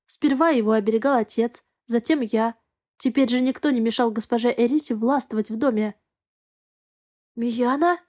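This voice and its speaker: A woman narrating a first-person audiobook in an even, measured way. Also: fairly high pitch.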